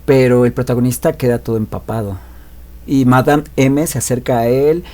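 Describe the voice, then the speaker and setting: Brief: guy retelling a classic tale, mid-pitched, chatty and lively. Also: normal speed. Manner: chatty, animated, frequent tag questions. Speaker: literature video host. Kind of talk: casual story retelling.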